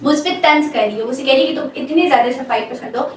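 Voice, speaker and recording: A high-pitched woman teaches grammar, stopping often to check she is understood. Her voice comes from well away from the mic, in a very echoey room, with a faint hum behind it. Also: fast talker, recorded from a distance. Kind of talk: grammar lecture.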